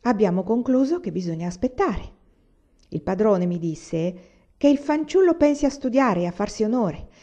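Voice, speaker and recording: A woman's voice: mid-range voice, expressive, normal speed, warm tone, pitched above the performer's own voice, lightly acted. Woman reading as a fussy old village woman. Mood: insistent. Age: older. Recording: dull lo-fi recording.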